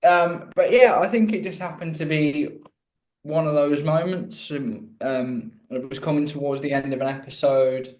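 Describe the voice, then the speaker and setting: A man's voice: on the high side, steady tone, moderate pace, darkish tone. A talkative man from Birmingham, England, telling his story in a casual interview. His speech rambles and he pokes fun at himself. The sound is roomy and echoey. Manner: chatty, rambling, self-deprecating. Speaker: guest musician.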